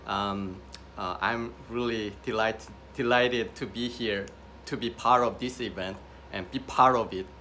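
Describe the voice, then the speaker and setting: A man's voice: on the low side, fairly even intonation, measured pace, bright, forceful tone, slight background noise. A man from South Korea, a student, giving a polite and earnest self-introduction.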